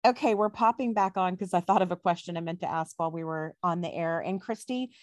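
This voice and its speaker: A woman's voice: lowish voice, fairly quick, dry recording, clean studio sound. A woman hosting a podcast interview, talking in a friendly, chatty way with frequent fillers. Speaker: podcast host. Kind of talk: casual conversational interview.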